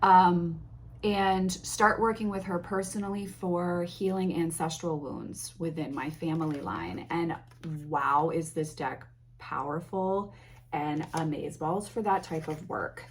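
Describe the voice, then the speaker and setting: At home, a tarot content creator chats casually and effusively with her viewers, slightly sniffly from allergies. Her voice is fairly low and unhurried, with slight background noise.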